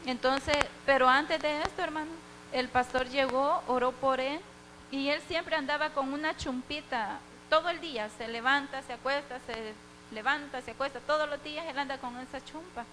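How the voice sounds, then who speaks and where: Woman, high pitch, heartfelt testimony, storytelling. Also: moderate pace, bright, forceful tone, slight background noise, low-quality recording. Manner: heartfelt storytelling, acting out the dialogue. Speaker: church member giving testimony. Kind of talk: church testimony.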